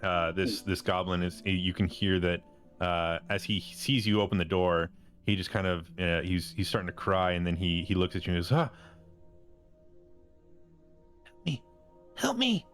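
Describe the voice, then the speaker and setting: A man's voice: low-pitched, level tone, normal speed, a bit bright, soft background music. A man narrating a tabletop game as game master, in loose speech full of hedging fillers.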